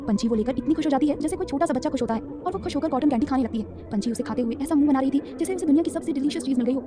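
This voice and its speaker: Fast, high-voiced woman storyteller. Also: music in the background. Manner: fast, dramatic cliffhanger narration. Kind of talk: scripted story narration.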